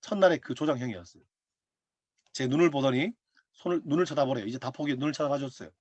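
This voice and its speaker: A man's voice: mid-range voice, quick pace, no echo. A male pastor preaching a sermon as a personal testimony, telling the story with laughter and acting out what people said. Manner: animated storytelling with laughs and acted-out quotes. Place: online prayer meeting over video call.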